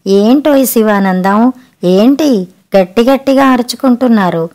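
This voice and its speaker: A woman's voice: fairly high pitch, a little slow, warm tone. A woman doing a nosy old neighbor man. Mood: prying. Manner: prying, teasing. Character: nosy elderly male neighbor.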